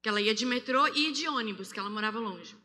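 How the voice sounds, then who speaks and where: Bright-voiced Brazilian woman preaching. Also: on the high side, fast talker. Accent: Brazilian Portuguese. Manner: animated, acts out quoted voices. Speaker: preacher giving testimony. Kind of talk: testimony sermon. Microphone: handheld microphone. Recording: long hall reverb.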